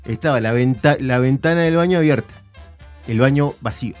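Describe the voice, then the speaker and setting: A man on a radio show, telling a family anecdote in halting bursts. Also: medium pitch, darkish tone, faint music behind.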